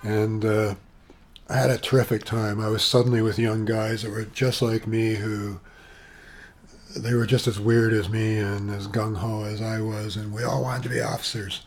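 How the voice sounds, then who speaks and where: This vlogger is a soft-spoken Canadian in his seventies, talking at his computer at home in a meandering monologue full of asides and fillers. His voice sits on the low side with little pitch movement, at a normal speed, and his chatty, eccentric manner comes through a webcam with external audio equipment.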